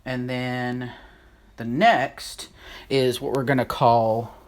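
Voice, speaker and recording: A host giving a casual Bible lesson while writing on a board, halting and unsure of names, thinking aloud as they go. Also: mid-range voice, little pitch movement, background noise. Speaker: Bible study video host.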